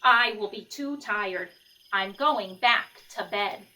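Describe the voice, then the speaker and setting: A woman's voice: mid-range voice, slow pace, sharp tone, distant mic, low-quality recording. A woman voicing a sleepy, grumpy male toad in a storybook read-aloud, grumbling and reluctant.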